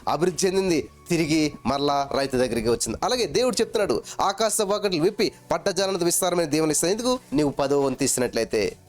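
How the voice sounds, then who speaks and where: A pastor preaching with a Telugu accent, chanting repeated phrases and swinging between loud and low delivery. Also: male voice. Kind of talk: sermon.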